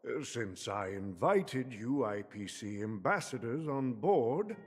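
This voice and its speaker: Shrewd very old tycoon, swooping delivery. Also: male voice, mid-range voice, lively intonation, husky, full character voice. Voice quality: old man's voice. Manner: theatrical, deliberate, chuckling. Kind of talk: video game story acting. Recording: long reverb, music behind.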